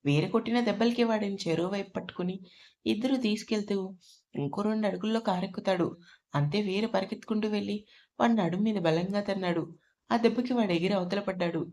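A woman narrates an audiobook love story at a middling pitch. Her reading is steady and even, the voice of a storyteller carrying the plot along. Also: fast.

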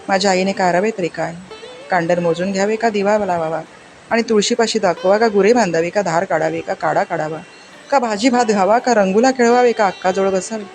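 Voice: medium pitch, darkish tone. A storyteller reading a classic children's story aloud in an earnest, emotional first-person voice over background music.

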